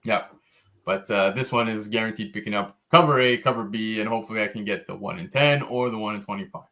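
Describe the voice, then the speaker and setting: Male podcast host, low voice, relaxed and enthusiastic, casual chat. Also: fast. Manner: laid-back, enthusiastic, frequent fillers.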